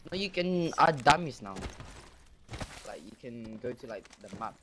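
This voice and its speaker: A man's voice: mid-range voice, animated, moderate pace, fairly bright tone, slight background noise. A young man in slangy casual gaming banter, repeating himself. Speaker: gamer.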